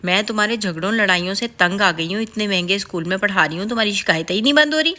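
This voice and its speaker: A woman's voice: medium pitch, pushed and bright, lightly acted. A woman playing a scolding mother. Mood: stern. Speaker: mother in a family skit. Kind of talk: comic family skit.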